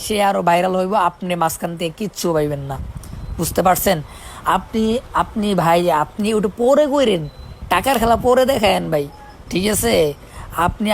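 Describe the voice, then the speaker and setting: A man with a Bangladeshi accent speaks casually in a high voice, with a little hiss or hum on the recording. He talks insistently and persuasively, repeating his appeals often in this informal conversation.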